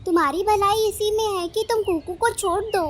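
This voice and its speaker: A woman plays a bold little sparrow in a cartoon, defiant and determined. The voice is very high and bright. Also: fairly even intonation, normal speed.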